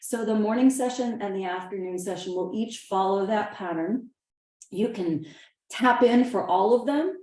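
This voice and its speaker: A woman's voice: medium pitch, normal speed, a little mellow. A woman hosting an opening ceremony, giving a casual, motivational talk and telling a story expressively. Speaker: workshop host. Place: event venue. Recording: roomy echo.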